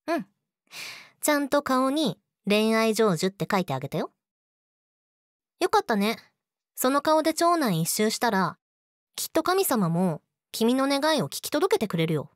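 A woman's voice: on the high side, dry recording, studio quality. A woman playing a sweet but eerily obsessive, jealous young girlfriend in a teasing audio drama spoken to the listener. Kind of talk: Japanese situation voice audio drama, addressed to the listener.

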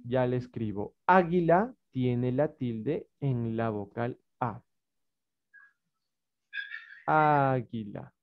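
Woman, Ecuadorian Spanish accent, primary teacher, patient, coaxing, unhurried, muffled video-call sound. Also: rumbling low. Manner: patient, coaxing, uses diminutives. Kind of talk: online class over video call.

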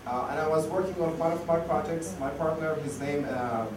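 Losing his voice, a man delivers a casual conference talk riddled with fillers and restarts, speaking a little fast with a slightly high voice. A far mic in the echoey conference hall picks up a noisy recording.

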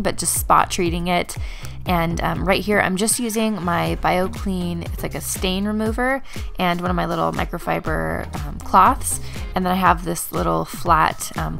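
A woman's voice: on the low side, vocal fry, fairly bright tone. A woman in her thirties, a stay-at-home mom and vlogger, chatting casually in a voice-over about her cleaning, with plenty of fillers. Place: bedroom at home.

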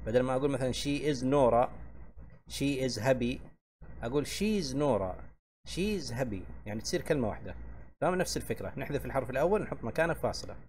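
A man's voice: medium pitch, lively intonation, a little mellow, a little hiss or hum. Man teaching English grammar. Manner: checks in with a frequent "tamam?" and repeats each point slowly; reads English examples slowly, then translates. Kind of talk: grammar lesson explained in Arabic.

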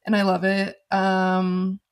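A woman's voice: mid-range voice, monotone, slow pace, clear, resonant tone. Young woman from Arizona, upbeat chatty co-host, mid-range voice, casual podcast talk. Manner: upbeat, chatty, frequent "like" fillers. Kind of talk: casual chat.

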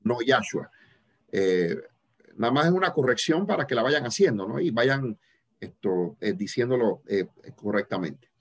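Man, religious teacher, answering questions, halting, lots of fillers, mid-pitched voice. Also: lively intonation, breathy edge. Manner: halting, many fillers and restarts.

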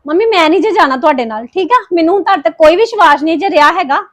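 A woman acting as a heartbroken young wife in a family drama, who speaks with a Punjabi accent and pours out rapid, reproachful complaints against her in-laws. Her voice sits very high. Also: lively intonation, a bit bright. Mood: bitter, accusing. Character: grieving young wife confronting her mother-in-law. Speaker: daughter-in-law Harpreet.

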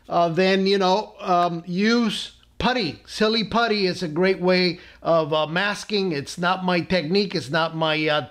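A man hosting a casual scale-model painting tutorial at his workbench, relaxed and full of "uh" fillers and friendly asides. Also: sits high. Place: tabletop workbench indoors.

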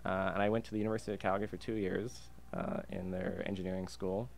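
A young adult man from Alberta, Canada, a freelance illustrator and designer, chats casually as a podcast guest in a booth inside a diner. His voice sits low with a level tone and quick pace, and ambient noise is clearly audible behind him.

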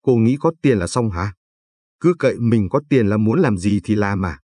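A man voicing a sharp-tongued, quarrelsome middle-aged village auntie in a read-aloud story, with a husky voice. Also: on the low side, animated, normal speed, no echo. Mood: scolding. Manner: scolding, quarrelsome.

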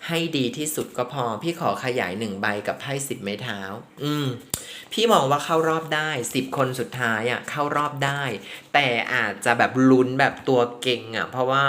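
A man's voice: medium pitch, fairly bright tone. A man doing a tarot reading in a chatty, affectionate way, speaking to the contestant as to a younger sibling. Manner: chatty, affectionate, calls the subject "child". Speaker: tarot reader. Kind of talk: casual tarot reading commentary.

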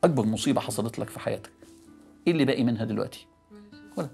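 A middle-aged man with an Egyptian accent giving an earnest, coaxing religious talk, repeating words for emphasis and sinking to a soft hush. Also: mid-range voice, animated, rapid-fire, vocal fry, faint music behind. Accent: Egyptian Arabic. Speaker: preacher.

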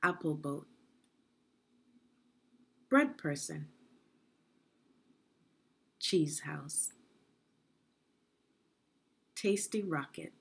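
Questions and pauses punctuate the deliberate, instructive reading of a middle-aged woman working as an education consultant. Reading aloud to young children in a guided lesson, she has a lowish, husky voice with very expressive pitch.

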